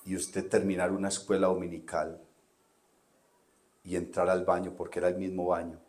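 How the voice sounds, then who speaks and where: A middle-aged man with a Colombian Spanish accent, a pastor preaching a testimony sermon that runs from quiet, low storytelling to loud, high shouting, picked up by a distant microphone. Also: completely flat delivery, normal speed.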